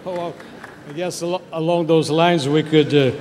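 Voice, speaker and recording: Higher-voiced male moderator in a hall. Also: fairly even intonation. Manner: relays audience questions, halting. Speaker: journalist moderator. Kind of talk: live stage interview questions. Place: large festival venue. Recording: long hall reverb, faint crowd and noise.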